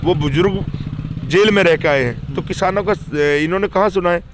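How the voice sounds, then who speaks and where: Earnest man, slightly high voice. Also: a little fast, background noise. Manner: earnest, complaining. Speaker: farmer interviewee. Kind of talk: street interview.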